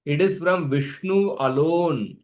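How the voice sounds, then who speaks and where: A man teaching a scripture class, chanting Sanskrit verses slowly for students to repeat and patiently explaining pronunciation. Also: fairly high pitch. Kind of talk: online scripture class with call-and-response chanting.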